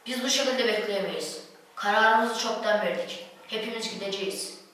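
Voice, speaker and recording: A woman's voice: mid-range voice, lively intonation, moderate pace, a bit bright, natural voice. A female performer playing a fervent young student volunteer, declaiming in an amateur school play. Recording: echoey hall, distant mic.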